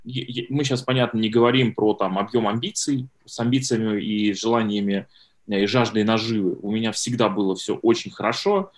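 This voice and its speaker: A man's voice: on the low side, fairly quick. A man in his thirties hosting an interview, talking in a rambling, self-deprecating way with many fillers and restarts. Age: 30s. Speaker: podcast host. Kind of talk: casual interview chat.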